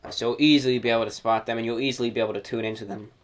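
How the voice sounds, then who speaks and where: A man hosts a shortwave radio hobby show, racing through his explanation in a steady, medium-pitched voice. The presentation is informal, though his phrasing comes out slightly formal and stilted.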